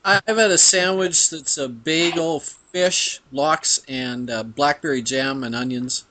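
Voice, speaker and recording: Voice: mid-range voice, measured pace, bright, forceful tone, poor audio. A caller on a casual online group call, rambling in a quirky way.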